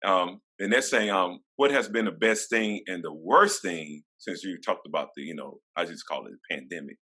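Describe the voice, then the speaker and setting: Deep-voiced, bright-toned male interviewer. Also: normal speed, husky. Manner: warm, encouraging, with repeated fillers and laughs. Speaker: interview host. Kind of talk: casual interview chat.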